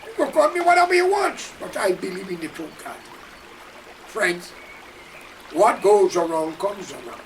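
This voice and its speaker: A man's voice: high-pitched, sing-song, moderate pace, pauses often, recorded from a distance, a little hiss or hum, low-quality recording. A man from Guyana with a Guyanese accent, delivering an impassioned, preachy political monologue straight to his listeners. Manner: preachy, emphatic, addresses listeners directly. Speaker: political commentator.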